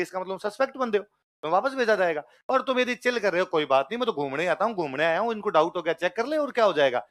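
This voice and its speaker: A man's voice: a little high, fairly bright tone. A man with a Rajasthani accent, a teacher telling a personal story during a lecture and acting out the voices of people in it. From Jodhpur, Rajasthan.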